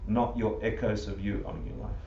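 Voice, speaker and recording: A man teaching a Buddhist class live to an audience, animated, full of rhetorical questions and often laughing. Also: lowish voice, moderate pace, a little hiss or hum. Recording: roomy, distant, muffled livestream audio.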